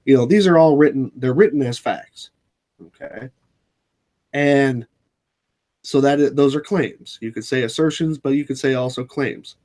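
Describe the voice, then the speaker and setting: A man's voice: mid-range voice, measured pace, darkish tone. A man hosting a casual chat, blunt and sarcastic, swearing freely and often restarting his sentences. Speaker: channel host.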